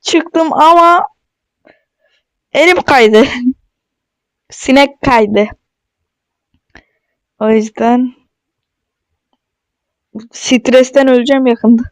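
A man giving casual, excitable gameplay commentary, joking and talking straight to his viewers. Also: very high voice, very slow, long pauses, smooth, no echo. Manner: chatty and excitable, jokes and talks straight to viewers. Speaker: mobile gaming streamer.

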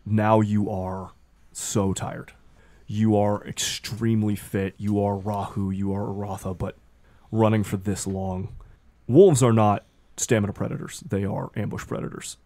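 A man narrating a tabletop role-playing game as game master, with deliberate, dramatic phrasing. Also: on the low side, fairly even intonation, warm tone, no echo.

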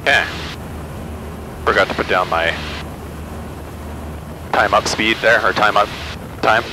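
A man's voice: on the low side, takes it slowly. Man on a cockpit headset, engine roaring. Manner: calm self-coaching callouts, terse. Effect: pilot headset intercom in cockpit. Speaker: student pilot flying solo. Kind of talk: talking himself through flight checklists. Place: small plane cockpit in flight. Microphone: aviation headset boom mic. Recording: engine and wind noise in cockpit.

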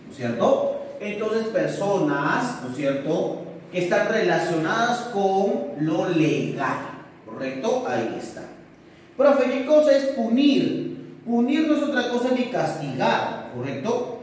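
A man's voice: sits high, a little mellow, a little hiss or hum. A young man teaching a lesson at a whiteboard for distance learning, asking questions in a student's voice and answering them himself with tag questions. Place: room with a whiteboard, indoors. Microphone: camera across the room. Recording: very echoey room, voice from far off.

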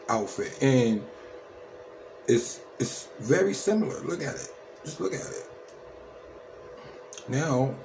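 Low-voiced American man, casual and slangy. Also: darkish tone, a little hiss or hum, low-quality recording. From Trenton, New Jersey, USA. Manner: slangy, repetitive tag questions. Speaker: reaction video host. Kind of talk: casual reaction commentary.

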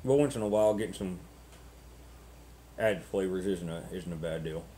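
A man in his thirties chatting casually and unscripted to camera as a vlogger, halting and ruminative, often repeating words, on noisy webcam audio. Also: low voice, mellow. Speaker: pipe-smoking vlogger.

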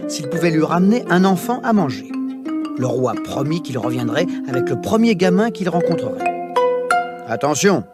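A man reads a children's story aloud, slow and theatrical, swinging his voice up and down for effect. His voice sits a little high for a man. Music plays clearly behind the narration. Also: sing-song.

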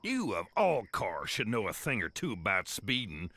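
Forceful crusty older sheriff car. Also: male voice, lowish voice, wildly swooping pitch, normal speed, dry recording, heavily acted. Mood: indignant. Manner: scolding, folksy authority. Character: crusty, stern older male small-town sheriff car. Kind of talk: animated game cutscene acting.

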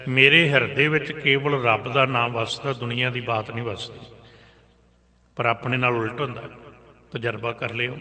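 A man's voice: mid-range voice, sharp tone, long reverb tail. A man giving an earnest religious sermon. He repeats his points and asks rhetorical questions. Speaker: Sikh preacher. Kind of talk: religious discourse.

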